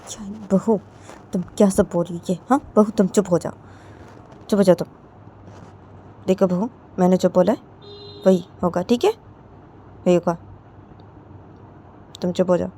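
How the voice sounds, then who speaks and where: A stern mother-in-law, put on by a woman narrator, scolding and commanding in a raised voice. The tone is mellow but firm. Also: lowish voice, steady tone, measured pace, long pauses, a little hiss or hum, natural voice.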